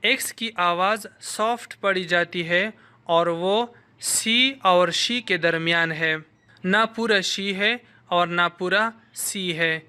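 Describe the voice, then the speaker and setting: A male language teacher giving a slow, explanatory recorded lesson and modeling sounds for learners to repeat. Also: high-pitched, pushed and bright, clear, resonant tone.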